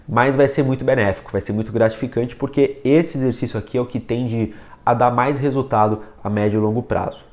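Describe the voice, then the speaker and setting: A man's voice: medium pitch, fairly even intonation, fairly quick, darkish tone. A man giving a casual video lesson on reading, talking straight to the viewer and demonstrating with a book and pen. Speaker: reading coach.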